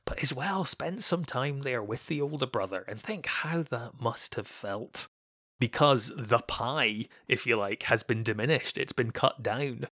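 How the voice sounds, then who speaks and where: A man's voice: medium pitch, animated, unhurried, bright, forceful tone, no room sound. Man with a dry close sound. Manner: reflective, explanatory, acts out quoted voices. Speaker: podcast co-host. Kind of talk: casual podcast discussion of a Bible story.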